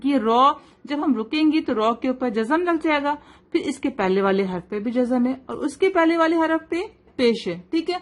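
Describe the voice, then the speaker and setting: A woman's voice: high voice, lively intonation. Patient woman teaching Quran recitation. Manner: patient, stretches recited words slowly to model them; asks quiz questions and checks with "right?" and "fine". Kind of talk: tajweed lesson for a child, mixing Urdu and English.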